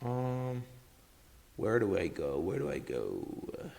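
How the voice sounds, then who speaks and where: A man's voice: low voice, huge pitch swings, slow pace, creaky, mellow, a little hiss or hum. A man hosting a casual screen-share marketing tutorial, rambling with lots of fillers and tag questions. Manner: rambling, filler-heavy, keeps saying obviously and right.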